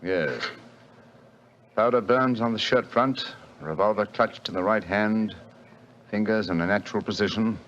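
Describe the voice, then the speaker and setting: An actor playing Sherlock Holmes, a precise detective with a crisp, dry manner, in 1940s radio acting. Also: male voice, fairly low pitch, unhurried, fairly bright tone, slight background noise. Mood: composed. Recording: dull old radio broadcast.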